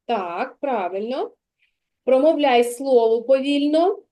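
A high-voiced woman teaches a young child to read in a one-on-one lesson. She speaks slowly and patiently, with a warm, soft tone, and stretches out each sound so the child can hear it. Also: expressive. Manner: patient, drawn-out stressing of sounds and words. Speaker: kindergarten teacher.

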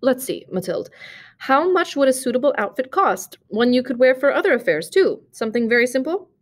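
A woman's voice: sits high, very animated, brisk, pitched above the performer's own voice. A woman voicing a thrifty, eager male clerk, speaking in a coaxing, earnest tone in a storybook reading.

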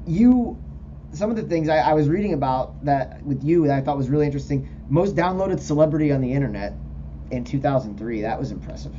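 A man's voice: fairly high pitch, brisk, dark tone. A man hosting a casual radio interview, reacting with brief, easygoing comments. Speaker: radio host. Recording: dull lo-fi audio with faint hiss.

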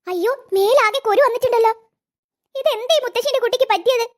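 A woman's voice: very high-pitched, fast talker, heavy background noise. A woman voicing a fussing, doting grandmother in a cartoon, fretful and exclaiming. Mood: worried. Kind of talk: cartoon voice acting.

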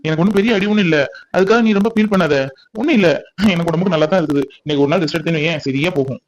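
A man voicing a gentle young husband in a cartoon, comforting his crying wife. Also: a little high, very fast, slight background noise, lightly acted, rough recording. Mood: reassuring. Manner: comforting, coaxing. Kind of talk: cartoon voice acting.

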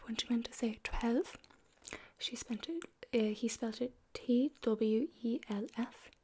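A young adult woman in a whispered role-play as a chatty librarian, talking in a soft library whisper. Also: a little high, a little slow. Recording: clear background noise.

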